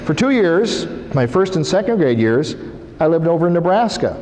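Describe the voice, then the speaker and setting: A man's voice: on the high side, big pitch swings, normal speed, darkish tone. Man speaking in a school hall. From Iowa, USA. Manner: conversational, asks the audience questions. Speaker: visiting guest speaker. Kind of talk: interactive talk to a school audience. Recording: reverberant 1990s hall recording with faint hiss.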